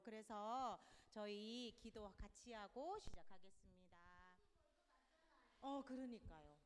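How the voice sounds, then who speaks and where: A woman from Busan with a Gyeongsang accent, a church teacher talking gently and chattily to children. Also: on the high side, clean tone, in a large hall. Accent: Busan Gyeongsang Korean. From Busan, South Korea. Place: church hall.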